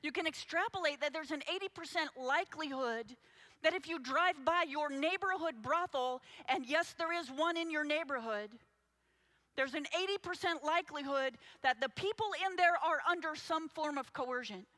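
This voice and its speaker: A woman's voice: sits high, moderate pace, bright, forceful tone. A woman advocate giving an impassioned conference talk, urgent and speaking straight to the audience. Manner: urgent, addresses the audience directly. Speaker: anti-trafficking advocate.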